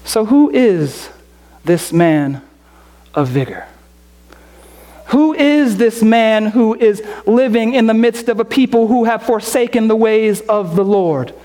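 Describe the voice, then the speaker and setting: Slow, emphatic woman preacher. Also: on the high side, dark tone. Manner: slow, emphatic, repeating phrases, rhetorical questions. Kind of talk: sermon.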